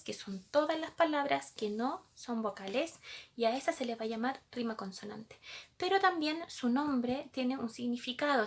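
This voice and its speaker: A woman's voice: fairly high pitch, fairly bright tone, husky. Patient woman teaching young children. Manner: patient, explains step by step with questions to pupils. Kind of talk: children's lesson explanation.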